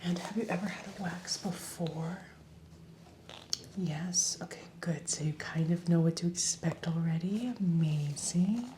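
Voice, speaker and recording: Slow, whispering woman doing ASMR. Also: on the low side, noisy background. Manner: soft whisper, slow and soothing, chatty reassurance. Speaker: ASMR roleplay esthetician.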